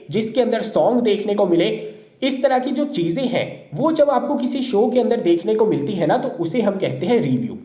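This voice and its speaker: This mellow, high-pitched male teacher runs an explanatory exam-prep lecture on English vocabulary. He asks questions aloud, then supplies the answers, and the room gives off a noticeable echo.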